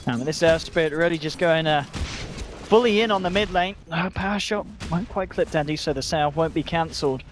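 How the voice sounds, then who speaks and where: A man casting an esports match, giving quick play-by-play calls of the action. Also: fairly high pitch, slight background noise. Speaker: esports caster. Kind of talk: play-by-play commentary.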